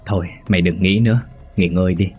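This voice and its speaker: A man's voice: low-pitched, fairly even intonation, quick pace, darkish tone, slightly rough, faint music behind. A man voicing a caring young female schoolteacher who soothes and reassures her friend. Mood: soothing.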